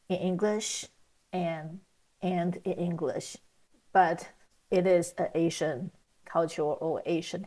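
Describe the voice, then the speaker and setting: A middle-aged woman giving casual reaction commentary, speaking in a halting, reflective way and often rephrasing herself. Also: lowish voice, darkish tone, low-quality recording. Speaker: reaction video host.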